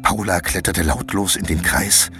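A man narrating a children's audiobook with expressive storytelling, voicing each character himself. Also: deep voice, normal speed, music in the background.

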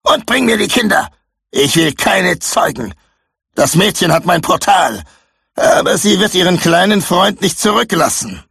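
A man voicing a shrill, gloating male villain who cackles and barks orders. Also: big pitch swings, drawn-out words, gravelly, fairly bright tone, slightly rough, no room sound, clean studio sound, heavily acted. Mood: domineering.

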